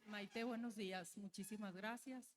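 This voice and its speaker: A woman in the audience speaks into a handheld microphone. Her voice sits mid-pitch, and she asks politely, with small hesitations. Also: steady tone, measured pace, slight background noise. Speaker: audience member asking a question. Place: conference hall, handheld mic.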